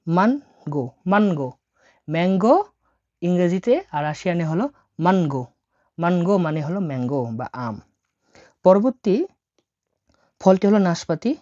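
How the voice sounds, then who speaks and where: A woman teacher talks through a language lesson in a mellow, fairly low voice. She spells each word letter by letter and repeats it patiently. The recording sounds a little dull and lo-fi.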